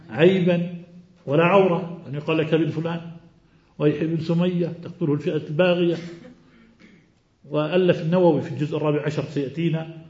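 Male hadith teacher, mellow and slightly high, lecture style with questions to the room; roomy, muffled recording. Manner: explains slowly, quizzes students with questions. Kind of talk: classroom lecture.

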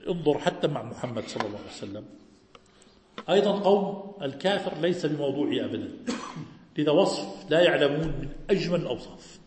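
A man's voice: a little high, expressive, fast talker, a little mellow. A male preacher giving a religious lesson, explaining by asking rhetorical questions and answering them himself. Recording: echoey hall with long reverb.

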